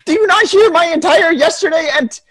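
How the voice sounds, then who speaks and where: A man's voice: very high voice, fairly quick, bright, forceful tone, slight background noise. A man cutting in indignantly during a heated argument in a live party game. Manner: indignant, cuts in.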